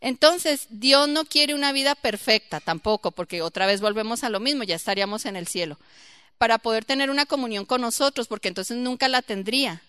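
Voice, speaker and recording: A woman giving a church Bible teaching, lively and questioning her group, acting out quoted voices. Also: on the high side, a little fast, clean tone, no echo, studio quality.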